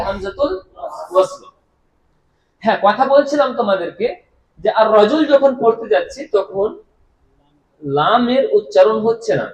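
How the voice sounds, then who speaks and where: A male teacher with a high voice lectures in a room with lots of echo. He drills the class by asking a question and then giving the answer himself. He stretches out each example word so the students can follow. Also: a little hiss or hum. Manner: repeats key terms and quizzes the class with questions he then answers; drawn-out, deliberate pronunciation of example words. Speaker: Arabic grammar teacher. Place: madrasah classroom. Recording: echoey room.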